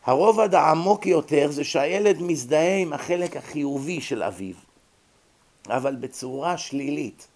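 A man's voice: on the high side, animated, a little mellow. A man lecturing on psychology to an audience, explaining with examples and rhetorical questions.

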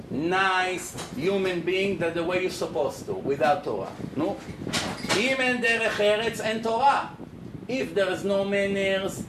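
A rabbi from Israel giving an animated Torah class, acting out the people he quotes and asking rhetorical questions. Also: high voice. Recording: roomy, far off, loud air conditioning hum.

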